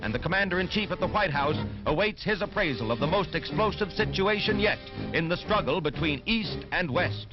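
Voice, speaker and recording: An old newsreel narrator, a man with a high, emphatic announcer's voice. He delivers every line with dramatic urgency, and the sound is dull and lo-fi like an old film soundtrack. Orchestral music plays clearly beneath him. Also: lively intonation, fairly quick, few pauses.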